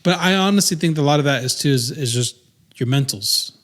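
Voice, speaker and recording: A man's voice: fairly high pitch, animated, a little fast, fairly bright tone. A man in his thirties co-hosting a podcast in casual chat, rambling with many restarts and fillers. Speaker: podcast co-host.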